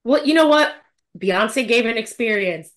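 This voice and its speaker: A woman co-hosting a casual podcast, unhurried in her delivery. She laughs a lot and swears with emphatic, playful outrage at the people she nominates. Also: fairly high pitch, lively intonation. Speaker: podcast co-host. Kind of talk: casual panel podcast chat.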